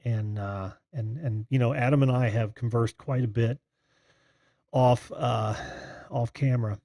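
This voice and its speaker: A breathy American man hosts a casual live call-in stream. His tone is soft-edged and dark, in a dry-sounding space. He rambles in a distracted way and addresses viewers like old friends. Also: mid-range voice, fairly even intonation, unhurried, dry recording. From Indiana, United States. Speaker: host of a live call-in show.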